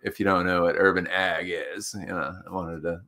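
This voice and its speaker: A deep, bright, forceful male voice with little pitch movement and a normal pace. He co-hosts a livestream talk show, chatting casually and upbeat, rambling along with plenty of fillers.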